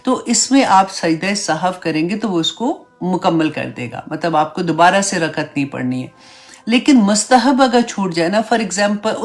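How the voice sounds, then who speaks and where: A woman teaching an online Islamic class in a conversational way. She often drops English words into her Urdu and checks in with her listeners. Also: medium pitch. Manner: checks in with listeners, "right?", "hai na?". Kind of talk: online religious class lecture.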